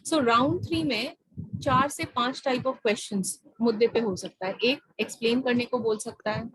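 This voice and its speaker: A woman's voice: on the high side, moderate pace, fairly bright tone, husky, no echo, low-quality recording. A woman with an Indian accent tutoring over a video call, mixing Hindi and English and often checking that her student has understood. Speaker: IELTS speaking tutor.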